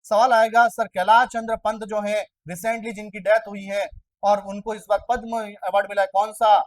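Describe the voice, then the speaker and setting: A high-voiced man teaching a classroom of exam candidates, firing questions at them and answering in their place, bantering when they push back. He sounds set back from the microphone in a dry room with little reverb. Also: little pitch movement, moderate pace, distant mic. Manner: quizzes the class constantly, voicing their questions himself; chatty, argues playfully with students. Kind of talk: classroom lecture for exam prep.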